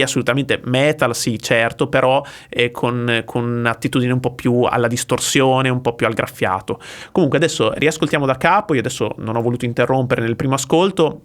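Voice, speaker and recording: A man vocal coach talking through a song, explaining technique with frequent pauses and checks for understanding. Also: medium pitch, a bit bright. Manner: explanatory, often pausing with "eh" and checking with "ok?". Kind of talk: music reaction and vocal analysis.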